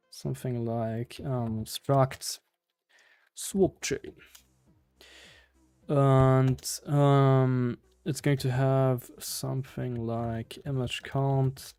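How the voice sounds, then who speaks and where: Man, German accent, slow pace, smooth clear voice, casual live-coding commentary, hesitant thinking aloud. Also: medium pitch, mellow, no room sound. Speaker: live-streaming programmer.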